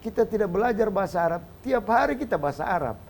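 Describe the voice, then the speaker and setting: A man's voice: high voice, animated, fast talker, a little mellow, slight background noise. A man from Indonesia, a religious scholar teaching on a TV talk show, explaining points and reciting Arabic verses in a chanting cadence.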